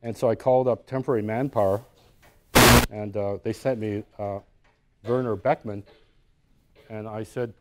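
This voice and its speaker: Low-voiced man lecturing with many restarts. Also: fairly even intonation, normal speed, long pauses, very noisy. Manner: conversational, often tags points with "right?"; thinks aloud with frequent restarts. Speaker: artist giving a lecture. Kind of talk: live lecture on his own artworks. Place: university lecture room.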